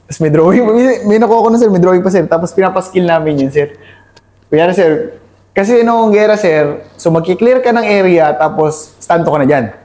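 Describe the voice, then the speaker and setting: This Filipino army officer from Cavite talks candidly as an interview guest, his voice sitting high, brisk, and dark. Earnest throughout, he blends in English and adds "sir" to nearly everything he says.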